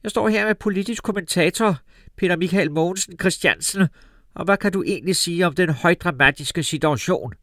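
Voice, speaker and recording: A man's voice: sits high, a bit bright, dry recording, studio quality, voice pushed up. A man voicing a glib TV news reporter with a newsreader delivery.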